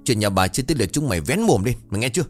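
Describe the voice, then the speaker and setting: A man's voice: mid-range voice, sing-song, very fast, faint music behind. A man voicing a spiteful old village mother-in-law who screeches curses and insults. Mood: cursing. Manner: screeching, cursing.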